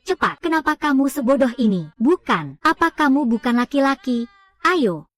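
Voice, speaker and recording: High-voiced woman reading a film recap. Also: big pitch swings, moderate pace, a bit bright.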